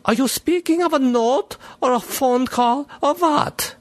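A man's voice: very high-pitched, unhurried, no room sound, voice pushed up. A man doing a curt woman police chief. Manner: curt, commanding orders. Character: sour, brisk middle-aged woman police chief.

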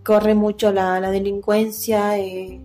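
A woman's voice: mid-range voice, little pitch movement, takes it slowly, warm tone, faint music behind. A woman with an Argentine accent talking in casual chat, explaining earnestly. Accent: Argentine Spanish.

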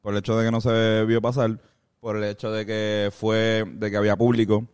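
A man's voice: fairly low pitch, normal speed, clear, resonant tone. A man with a Puerto Rican accent in casual podcast chat, telling stories animatedly and joking. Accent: Puerto Rican Spanish. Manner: animated storyteller, joking, mimics people.

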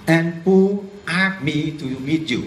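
A man with a telling stories in English at a business seminar, pausing for an interpreter and acting out phone calls with exclamations. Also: fairly high pitch. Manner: animated storytelling, acts out phone calls and exclamations. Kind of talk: speaking English through an interpreter. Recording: echoey hall with faint ambience.

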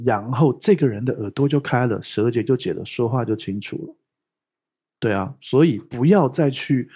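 A man's voice: medium pitch, husky. A male pastor, preaching a sermon in a playful, joking way. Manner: playful, joking, animated storytelling. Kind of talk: lively sermon teaching.

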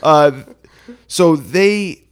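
A man's voice: fairly high pitch, expressive, extremely slow, clean tone. A man co-hosting a podcast in casual chat, rambling as he retells scenes with fillers. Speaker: podcast co-host.

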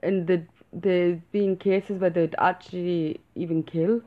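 A woman's voice: lowish voice, level tone, unhurried. A woman from England, co-hosting a casual chat and hedging her points with many "like"s. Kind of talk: casual conversation. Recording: dull lo-fi audio.

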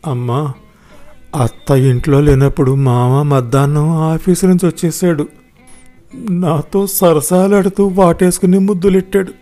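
A man's voice: fairly high pitch, flat delivery, a little slow, warm tone, faint music behind, close to an everyday voice. A man voicing a frightened teenage girl confiding in her mother. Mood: distressed.

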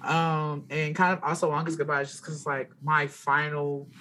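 Woman in her twenties, casual podcast chat, slightly low voice, faint background hiss. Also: little pitch movement, moderate pace, sharp tone. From American South. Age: 20s. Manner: laid-back, chatty, filler-heavy. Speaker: podcast co-host. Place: bedroom, remote recording.

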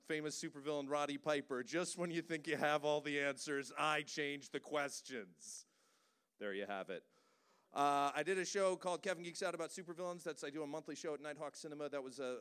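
A man's voice: medium pitch, smooth. A man who works as a voice director, giving an enthusiastic, joking pop-culture talk to a live audience. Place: cinema, live event.

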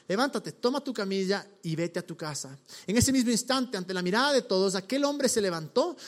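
A man preaching a casual, slangy sermon, telling the story and acting out the people in it. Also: high voice. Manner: slangy, storytelling, acts out voices.

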